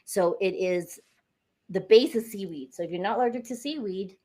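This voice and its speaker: Her voice is mid-range and dark in tone, delivered at a normal speed. This middle-aged woman from the United States is a podcast guest in a casual interview, walking through explanations step by step and using a few fillers.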